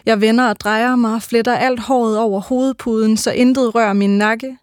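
A woman giving a measured, rhythmic reading of her own first-person literary prose. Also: a little high, steady tone, clean tone, no room sound, clean studio sound.

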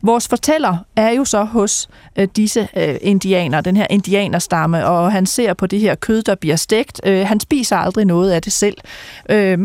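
A woman with a mid-range voice hosts the conversation. She sums up and asks measured, open questions. Her voice sounds dry and close. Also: medium pitch, darkish tone, no room sound. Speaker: interviewer host. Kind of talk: interview questions.

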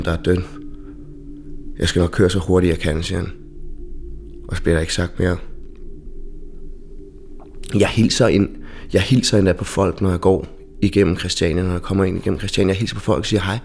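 Deep-voiced man, halting and shaken. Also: flat delivery, vocal fry, darkish tone, a little hiss or hum. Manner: halting, repeats and restarts phrases. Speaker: interviewee, bereaved brother. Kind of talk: emotional recollection.

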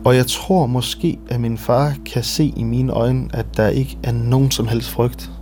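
A Danish man giving documentary testimony in a measured, detailed way. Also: mid-range voice, fairly even intonation, a little mellow, a little hiss or hum. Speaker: interviewee recounting family events.

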